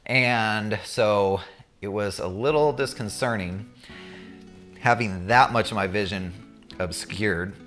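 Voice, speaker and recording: A man's voice: lowish voice, slow pace, a bit bright, soft background music. A man talking casually and candidly to viewers, recounting his own experience as a student pilot in a conversational way.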